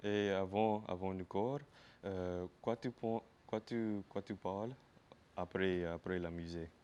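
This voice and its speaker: Deep-voiced man with a Cajun-Creole French accent. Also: steady tone, darkish tone, muffled recording, slight background noise. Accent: Louisiana Creole French. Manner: halting, repeats phrases. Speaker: interview show host. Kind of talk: casual interview.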